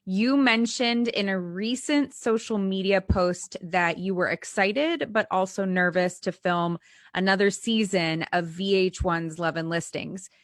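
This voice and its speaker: A woman moderating an online panel, upbeat and brisk as she hands out questions. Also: medium pitch, dry recording, studio quality.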